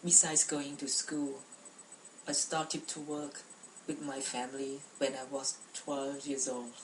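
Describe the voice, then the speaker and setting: Low-pitched young woman from Cambodia, student speech, careful with restarts, echoey room, distant mic. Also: flat delivery, slow, slight background noise. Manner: careful delivery with frequent restarts and repeated words. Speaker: student giving a class speech. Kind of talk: prepared speech.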